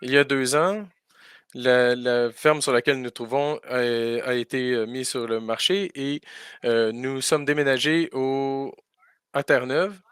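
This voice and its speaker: A man interprets a school farm tour live and speaks in a hesitant way, with frequent fillers and restarts. His voice is smooth and clean, and it is recorded dry with no room sound. His pitch sits at an ordinary middle range. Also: fairly even intonation, unhurried, fairly bright tone, dry recording.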